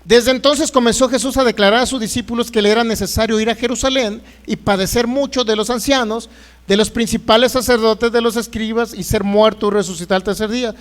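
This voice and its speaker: A man's voice: extremely high pitch, a little fast. A man preaching a sermon as pastor, asking the congregation questions and acting out Bible figures. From Mexico. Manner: lively preaching, acts out voices of Bible figures, rhetorical questions.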